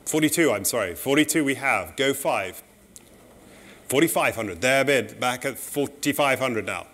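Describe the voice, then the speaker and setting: A middle-aged man working as an auctioneer, calling bids in a saleroom in a brisk, polite, repetitive way. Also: mid-range voice, lively intonation, fairly bright tone.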